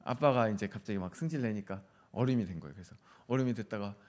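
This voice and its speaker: A middle-aged male pastor preaching in a relaxed, conversational way to a youth service. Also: on the low side, fast. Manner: conversational, acts out quoted dialogue. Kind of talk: sermon.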